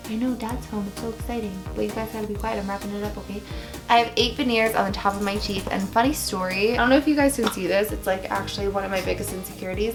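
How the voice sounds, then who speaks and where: Creaky-voiced, gushing young woman vlogger. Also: mid-range voice. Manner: gushing, emphatic, expressive; casual swearing and slang. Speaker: YouTuber answering viewer questions. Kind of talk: casual chatty vlog.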